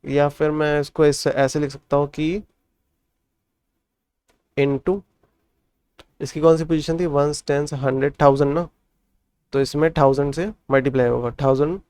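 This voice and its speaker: A man's voice: fairly high pitch, steady tone, moderate pace, pauses often, darkish tone, clear, resonant tone, no room sound. A man tutoring a math lesson step by step, counting digits aloud and explaining patiently.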